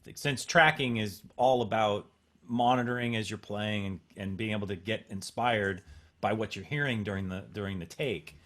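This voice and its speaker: A man's voice: fairly low pitch, moderate pace, a bit bright. A man interviewing a guitarist over a video call, agreeable and friendly, asking long, winding questions.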